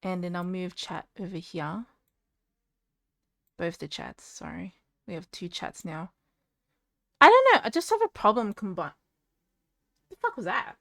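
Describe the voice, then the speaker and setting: A woman's voice: on the low side, sing-song, unhurried, long pauses, a bit bright, no echo. A woman streaming from home, chatting casually and rambling to her chat while fixing her setup, close to a desk mic.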